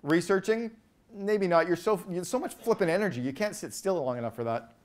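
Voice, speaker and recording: Animated man quizzing a live audience. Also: high-pitched. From Canada. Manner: animated, asks the audience quick questions, acts out quoted voices. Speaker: keynote speaker. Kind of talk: energetic live business talk with audience questions. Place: event stage before a live audience.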